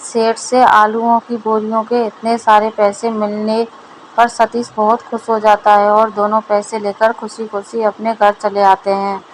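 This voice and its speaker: A woman narrating a moral storybook in an even, steady reading style. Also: mid-range voice, a little slow, slight background noise, rough recording.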